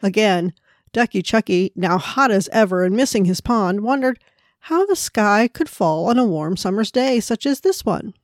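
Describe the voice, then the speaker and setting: A woman's voice: medium pitch, lively intonation, normal speed, no echo, clean studio sound. A woman hosting a devotional podcast, speaking in an earnest, prayerful way and narrating a children's story. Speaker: podcast host.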